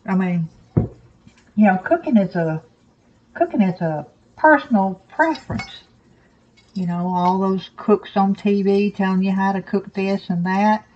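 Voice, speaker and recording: An older woman with soft, slightly slurred toothless speech, chatting casually to camera in a folksy, plain-spoken, rambling way in her kitchen. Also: medium pitch, measured pace, muffled recording. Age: older, 60s or above. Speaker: home cooking vlogger. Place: small home kitchen, indoors.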